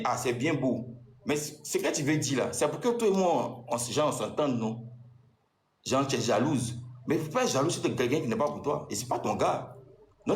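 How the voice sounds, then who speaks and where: A man's voice: mid-range voice, roomy sound. A man with an Ivorian French accent gives a heated, accusing account aimed at his ex, often repeating himself. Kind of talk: heated personal account addressed to an ex.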